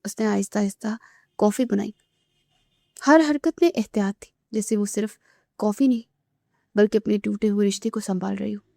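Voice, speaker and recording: A woman narrating a romance novel aloud in a soft, emotive way, sometimes dropping to a whisper. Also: mid-range voice, gravelly, long pauses, no echo, clean studio sound.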